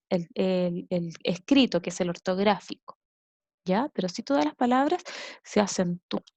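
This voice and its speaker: A woman's voice: medium pitch, creaky, darkish tone, no room sound. A woman teacher with a Chilean Spanish accent, explaining a grammar lesson and checking understanding with short tag questions. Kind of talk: recorded classroom lesson.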